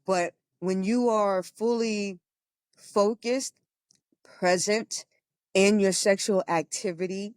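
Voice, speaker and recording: A woman talks openly and earnestly on a spiritual podcast, mixing teaching with blunt, profane storytelling. Her pitch sits in an ordinary middle range, and she laughs easily. The recording is dry and close, with no room echo. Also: fairly even intonation, takes it slowly, darkish tone. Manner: frank and profane, laughing often. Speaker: podcast co-host. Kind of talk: casual spiritual talk.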